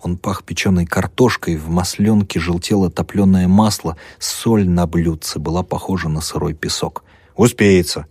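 A male audiobook narrator with a very deep, husky voice reads at a measured pace. The recording is dry and close, with no room sound. His delivery stays quiet and even. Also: no echo. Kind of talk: scripted narration.

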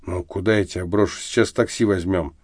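A man's voice: low voice, fairly even intonation, a little fast, darkish tone, dry recording, clean studio sound. A man voicing a sober friend who speaks plainly and soothingly, sometimes barking orders. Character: steady sober male friend, calming and firm.

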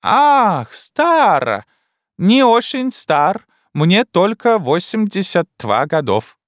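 A man's voice: big pitch swings, drawn-out words, no room sound, clean studio sound, full character voice. A man voicing an indignant eighty-two-year-old Frenchwoman who speaks broken, foreign-sounding grammar. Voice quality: high, shrill.

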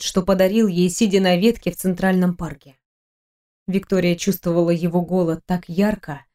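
A woman reading a romantic fantasy audiobook in a measured, gentle storytelling manner. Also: mid-range voice. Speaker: audiobook narrator. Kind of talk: scripted narration.

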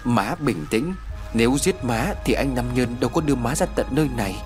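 A man's voice: medium pitch, expressive, a little fast, over music, close to an everyday voice. A man voicing an earnest young woman pleading with her mother in an audiobook story, in a tearful, pleading manner.

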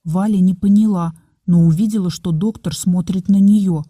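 A woman narrating an audiobook in a calm, measured reading voice. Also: on the low side, dry recording, clean studio sound. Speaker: audiobook reader.

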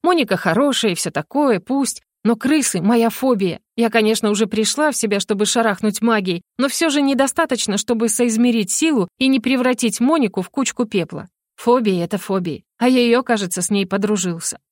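A woman narrating a first-person fantasy audiobook in a lively, ironic way. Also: on the high side, a little fast, dry recording, studio quality.

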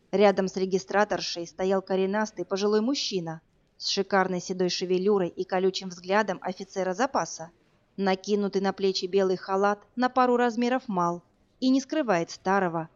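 A woman narrating a fantasy novel in an even, measured storytelling voice. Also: mid-range voice, lo-fi sound. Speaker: audiobook reader.

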